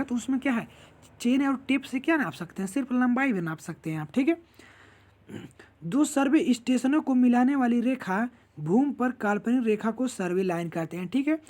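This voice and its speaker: Man, online teacher, classroom lecture, step-by-step explaining, frequent check-ins, mellow tone. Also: extremely high pitch.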